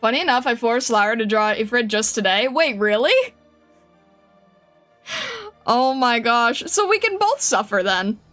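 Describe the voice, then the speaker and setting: A woman livestreaming casually while she draws, thinking aloud in a hesitant, rambling way with a bright, high voice. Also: lively intonation, fairly quick, few pauses, faint music behind. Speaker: livestreaming artist.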